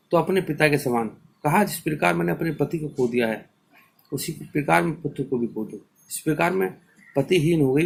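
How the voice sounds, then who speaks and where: A man teaching a class, reading lines of verse slowly and then explaining them in an earnest, instructive way. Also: a little high, vocal fry, breathy edge, poor audio. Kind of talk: poetry recitation and explanation lesson.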